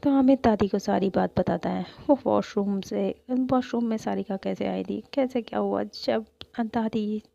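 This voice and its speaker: A woman casually narrating a romance story in a relaxed, conversational way, in a slightly dull lo-fi recording. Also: mid-range voice, measured pace, gravelly, no room sound.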